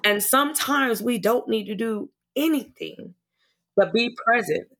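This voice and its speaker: A woman's voice: fairly high pitch, a little slow, fairly bright tone. A woman speaking as an early childhood educator on a podcast interview, earnest and passionate, often restarting and repeating words.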